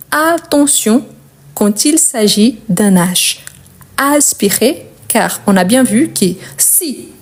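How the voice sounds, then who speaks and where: A woman with a first language of Portuguese teaches grammar in a very slow, measured way. She says each example word twice or three times so learners can follow. Her voice sits in a mid range. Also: medium pitch, a little mellow. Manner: slow, deliberate, repeats words for learners. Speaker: French teacher. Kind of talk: grammar lesson.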